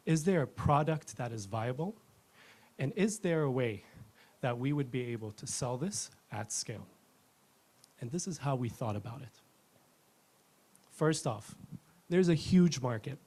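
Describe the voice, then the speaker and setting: A man in his thirties from Ethiopia, giving a rehearsed pitch as a company founder in an earnest, fluent way. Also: animated, measured pace, long pauses, a little mellow.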